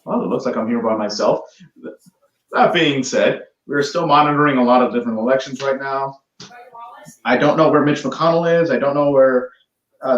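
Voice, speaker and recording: A podcast co-host calling in remotely, his voice tinny as if through a tin can. The sound is echoey and muffled, with little top end. He talks at an ordinary pitch in an easygoing, joking way, sometimes putting on a mock news-anchor delivery. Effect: tinny tin-can sound from a poor remote microphone. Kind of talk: casual chat, then mock news-anchor commentary. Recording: echoey, dull lo-fi remote mic.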